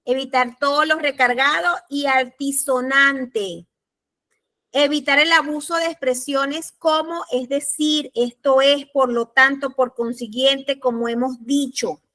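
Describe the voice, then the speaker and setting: Woman, Panamanian Spanish accent, law lecturer, high bright voice, slow and deliberate, repeats key points. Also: fairly even intonation. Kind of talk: recorded class lecture.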